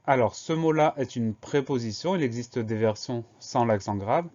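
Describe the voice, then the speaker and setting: Man slowly spelling words for dictation. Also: mid-range voice, a little mellow, dull audio. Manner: slow, deliberate letter-by-letter spelling. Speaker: teacher.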